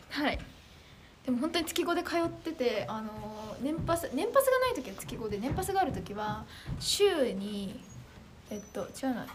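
A teenage girl from Chiba chatting casually on a livestream, reading viewer comments in a bubbly, animated, self-deprecating way. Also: high voice, noisy background. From Chiba, Japan. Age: teens. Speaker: idol trainee streamer.

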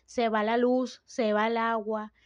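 A young woman with a Venezuelan accent playing a fed-up, short-tempered woman who grumbles and complains with a sharp tongue. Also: fairly high pitch, little pitch movement, a little slow, dry recording, lightly acted. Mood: exasperated. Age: young adult. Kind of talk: comedic student film acting. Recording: dull, dry, lo-fi.

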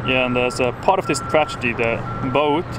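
A man's voice: mid-range voice, normal speed, very noisy. A man in his thirties, a Swiss German native speaker, chatting casually as a travel vlogger while showing sights outdoors. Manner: upbeat, chatty, explaining sights. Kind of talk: casual travel vlog narration. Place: outdoors on a battleship deck.

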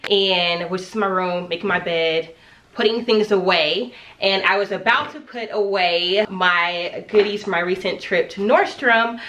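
Congested young woman vlogging, low voice. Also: sharp tone, reverberant, a little hiss or hum. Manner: chatty, lots of filler words. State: congested, deep from a cold. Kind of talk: casual vlog chat. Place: home, indoors.

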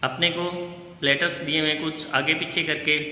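A man with an Indian Hindi-speaking accent teaching an English lesson in Hindi to young pupils, spelling words letter by letter and repeating them slowly. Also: a little high, level tone, sharp tone, soft background music. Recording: echoey room with long reverb.

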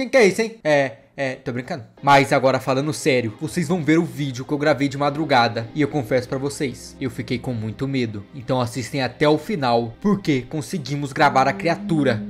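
A man hosting a jokey mock-horror vlog, excitable and mock-scared, who keeps repeating a catchphrase. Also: medium pitch. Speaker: vlogger.

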